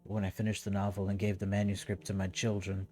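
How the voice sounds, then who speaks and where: Old mafia don, done by a man, proud and bitter, shaky Italian accent, low mellow tone. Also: monotone, fast, close to an everyday voice. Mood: solemn, boastful.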